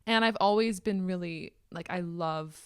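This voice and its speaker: A young Dutch American woman co-hosting a casual podcast chat, animated and giggly with lots of fillers. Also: lowish voice, measured pace, clean tone, no room sound, studio quality. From Dutch American, raised in Amsterdam and Indianapolis. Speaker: podcast co-host. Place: room in Amsterdam.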